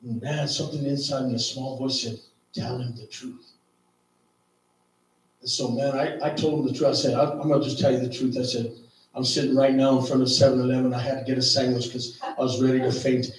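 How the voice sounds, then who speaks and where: A man's voice: mid-range voice, level tone, quick pace, a little hiss or hum. Man preaching in an echoey church. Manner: storytelling with many "man" and "you know", rising to shouts in retold prayers. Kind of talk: sermon with personal testimony. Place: church hall. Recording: echoey church hall, distant mic.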